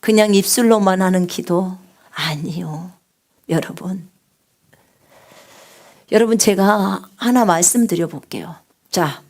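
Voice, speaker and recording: A woman missionary preaching a live sermon on prayer, with a big resonant singer's voice, asking the congregation questions and swinging from loud cries to hushed whispers. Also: medium pitch, vocal fry. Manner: asks the congregation questions and answers them.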